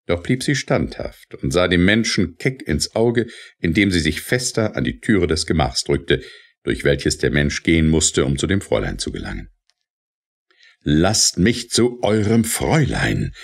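A man giving dramatic, expressive audiobook narration. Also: low-pitched.

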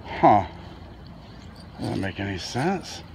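A man's voice: on the low side, sing-song, slow pace, gravelly, a little mellow, slight background noise. A man vlogging while night fishing outdoors, rambling casually about his gear and surroundings, sometimes talking to his dog. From Florida.

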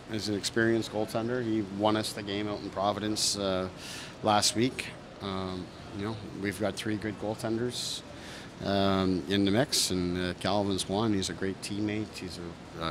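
Speaking before a sponsor backdrop in a noisy press room, a head coach in his thirties fields post-game questions. His male voice is low and monotone, and he's thoughtful and measured, often using fillers and restarting. Reporters' handheld mics crowd close in front of him.

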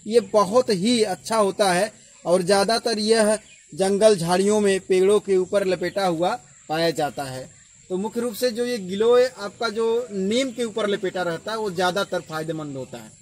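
A man's voice: sits high, normal speed. A man giving a patient educational explainer, repeating key terms as he teaches outdoors. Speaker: educational presenter.

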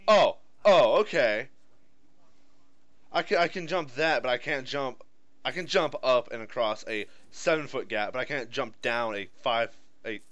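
A man's voice: mid-range voice, normal speed, a bit bright. A man giving casual playthrough commentary, sardonic, complaining and sweary. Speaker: gamer. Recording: slightly dull lo-fi mic.

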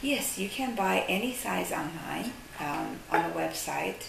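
This low, gravelly-voiced woman speaks for a caviar company, explaining the product in an interview at her desk in a sunlit office. She's unhurried with lively intonation, but hesitant, leaning on lots of fillers as she looks for words. The sound is echoey, with a far-off mic and a faint hiss.

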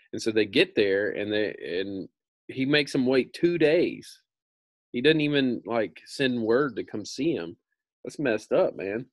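An American man in his thirties reads a book aloud as a storyteller, keeping it informal and slangy with casual asides. His voice is mid-range and the recording dry.

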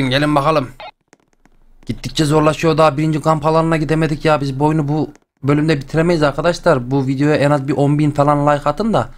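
A young man hosting a game channel, chatting and joking excitedly as he plays. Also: a little high. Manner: chatty, excitable, jokes and exclamations. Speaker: gaming channel host. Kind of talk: playful let's-play commentary.

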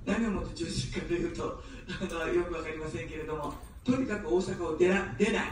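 A woman's voice: on the low side, a little fast, a little hiss or hum. A woman running for office gives an evening outdoor campaign speech in standard Japanese, mixing jokes with earnest appeals for votes. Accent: none, standard Japanese. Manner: joking then earnestly pleading. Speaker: election candidate. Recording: very echoey distant street PA sound.

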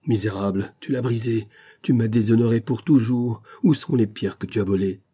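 A man reading aloud plays an outraged middle-aged banker father who shouts accusations at his son. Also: fairly low pitch, normal speed, breathy edge.

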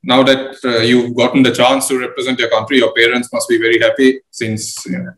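Young male host, halting questions, roomy webcam sound. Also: mid-range voice, level tone, fairly bright tone. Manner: measured, halting questions with many fillers. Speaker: interviewer. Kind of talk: interview questions. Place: room with bookshelves indoors. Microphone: video call webcam.

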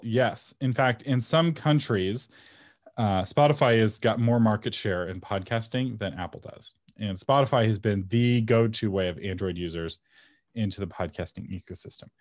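A man's voice: lowish voice, normal speed, darkish tone, no echo, studio quality. A man presenting a webinar and answering audience questions in a casual, frank way, often laughing and sometimes breaking into a passionate rant. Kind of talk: casual Q&A teaching.

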